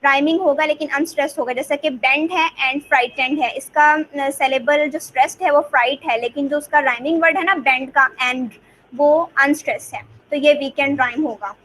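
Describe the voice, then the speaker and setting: A woman teacher lecturing in Hindi, mixing in English terms and reading English definitions slowly before she explains them. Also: sits high, fairly bright tone, slight background noise, rough recording. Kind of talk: lecture on rhyme types.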